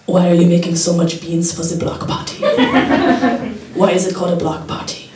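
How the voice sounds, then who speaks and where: A woman's voice: on the low side, normal speed, darkish tone, recorded from a distance, pitched below the performer's own voice, close to an everyday voice. A woman doing a blunt German man, clipped puzzled complaints, roomy echo, from across the room. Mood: puzzled scolding. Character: stern German male fiance, blunt and puzzled.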